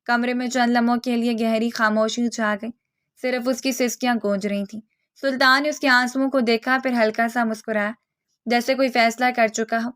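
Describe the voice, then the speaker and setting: Bright-voiced woman narrating a novel. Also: fairly high pitch, little pitch movement, smooth. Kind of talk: scripted storybook narration.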